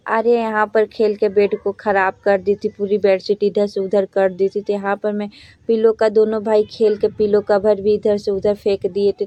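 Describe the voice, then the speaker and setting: Young homemaker voice-over, woman, flat homely chatter, mellow tone, dull lo-fi recording. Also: mid-range voice, dry recording. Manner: plain, homely, rambling chatter. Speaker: vlogger, homemaker. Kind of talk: casual voice-over narration.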